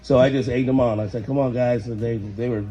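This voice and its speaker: Hoarse male band singer, very mellow tone, voice almost gone, casual interview chat. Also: mid-range voice, steady tone, a little fast, soft background music. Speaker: band lead singer and rhythm guitarist.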